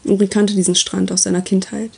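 A woman reading a story aloud as its narrator, with steady, even delivery. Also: medium pitch, fairly quick, vocal fry, breathy edge.

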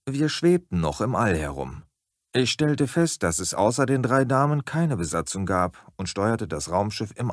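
A man narrating a comic story in a dry, self-satisfied, deadpan way. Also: on the low side, dry recording.

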